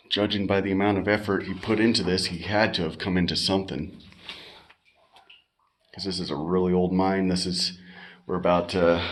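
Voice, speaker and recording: Male explorer-vlogger, lower register, unhurried and observational, casual on-the-move narration with clear background noise. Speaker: amateur explorer filming a mine visit. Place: inside an abandoned mine tunnel with running water. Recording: clearly noisy handheld recording.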